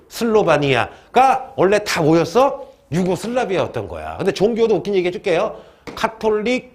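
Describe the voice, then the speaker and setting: A man's voice: a little high, a little mellow. A man teaching a history class in a classroom, joking with students and asking questions he answers himself. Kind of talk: classroom lecture.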